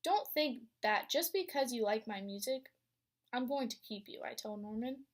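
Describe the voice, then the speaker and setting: With a slightly high voice and a moderate pace, a young woman doing her student teaching reads a picture book aloud to the class. Expressive storytelling mixes with questions for the children.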